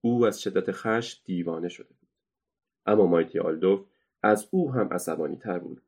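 A man narrating a children's storybook in a steady, measured reading voice. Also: sits low, slightly rough.

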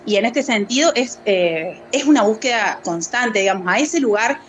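Female activist guest, hesitant storyteller, higher voice, faint noise. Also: animated, moderate pace. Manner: hesitant, many fillers, laughs between phrases. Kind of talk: conversational storytelling.

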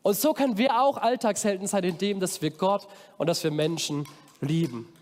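A man preaching a lively children's sermon at a camp, energetically calling out to his young audience from a stage. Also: high voice, normal speed. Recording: long hall reverb.

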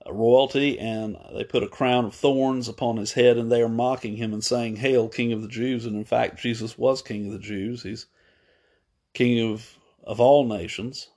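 Unhurried man preaching a sermon. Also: mid-range voice, fairly even intonation, darkish tone. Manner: unhurried, pausing with fillers and self-corrections. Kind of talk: unscripted sermon retelling.

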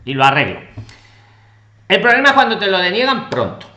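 A man with a Spain Spanish accent hosting a live Q&A on a video call, friendly and brisk, steering callers straight to the point. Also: high-pitched, sing-song, sharp tone, roomy sound. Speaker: host of a live Q&A on immigration law.

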